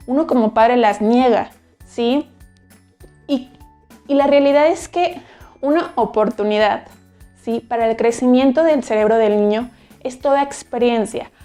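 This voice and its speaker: A woman psychologist giving an explanatory talk to parents, often checking in with a quick "right?". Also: on the high side, warm tone. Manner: explanatory, asks frequent "¿sí?" checks. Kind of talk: educational talk to camera.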